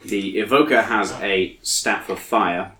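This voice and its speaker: Guy game mastering a fantasy tabletop session, lowish voice, lots of room echo. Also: slow pace, pushed and bright. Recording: echoey room with faint noise.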